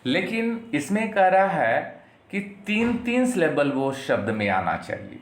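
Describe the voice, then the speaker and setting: Slow, repetitive Bihari man teaching English. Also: on the high side, very animated. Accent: Indian, from Bihar. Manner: slow, drawn-out explanations with many repetitions and tag questions. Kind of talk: classroom lesson. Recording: echoey room.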